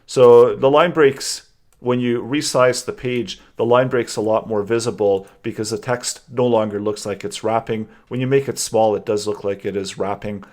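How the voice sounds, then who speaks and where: A man teaching a web coding tutorial, calmly and methodically explaining each step as he types code. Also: fairly low pitch, normal speed. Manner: calm, methodical explaining while typing code. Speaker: coding instructor. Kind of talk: screen-recorded coding tutorial.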